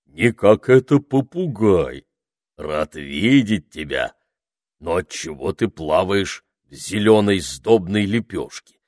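A man voicing a huge, kindly creature who is hard of hearing and talks slowly in a pompous, fussy way. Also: low-pitched, animated, darkish tone, no room sound, clean studio sound.

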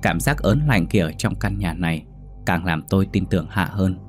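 A man narrating a first-person ghost story in a steady, measured reading. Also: sits low, soft background music.

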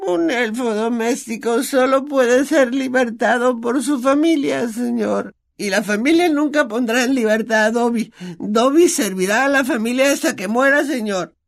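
A man's voice: very high-pitched, normal speed, creaky, voice pushed up. A man with a Latin American Spanish accent voicing a timid, grovelling male house-elf servant in an audiobook, speaking of himself in the third person. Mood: mournful. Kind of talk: audiobook character voice.

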